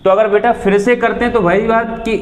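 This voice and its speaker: A man's voice: high voice, steady tone, fairly quick, reverberant. A man teaching a maths class, questioning his students and calling them "beta" as he works through the steps.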